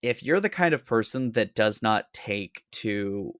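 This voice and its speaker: A man's voice: on the low side, animated, measured pace, a bit bright, dry recording, clean studio sound. A man co-hosting a casual podcast, blunt and sarcastic, swearing freely. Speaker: podcast co-host.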